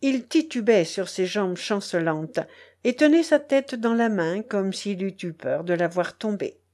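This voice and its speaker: A woman narrating a literary story in a measured, dramatic storytelling manner. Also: mid-range voice, expressive, darkish tone.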